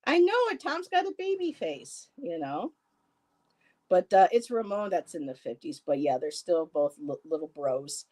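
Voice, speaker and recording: A woman in her fifties hosts a live stream, chatting casually with a friend, reading viewer comments aloud, rambling and laughing often. Her voice is lowish and a little mellow, with a sing-song lilt at a moderate pace.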